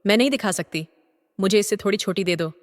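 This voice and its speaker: A man's voice: high-pitched, fast talker, lightly acted. Man voicing a hesitant young woman, reverberant. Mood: refusing. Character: young woman, a reluctant sister. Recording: long reverb.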